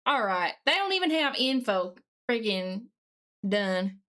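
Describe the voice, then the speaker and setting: Speaking in a mid-range, pushed and bright voice, this woman live streams while working at a computer, chatting casually. Her Southern US accent is put on, and her manner is folksy and mildly sweary. She sounds very animated and talks a little slowly.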